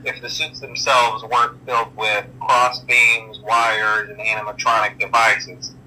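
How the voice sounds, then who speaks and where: A man's voice: lowish voice, level tone, measured pace, bright, forceful tone, husky, exaggerated voice, poor audio. An actor playing a chatty male night-shift trainer who leaves a recorded phone message, rambling offhandedly with plenty of uh and um. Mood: offhand. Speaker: recorded guide in a horror game.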